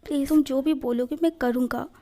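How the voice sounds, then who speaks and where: A woman's voice: sits high, fairly even intonation, brisk, warm tone, close to an everyday voice. A woman voicing a frightened young man in a storybook reading, begging and pleading. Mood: scared. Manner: pleading and fearful.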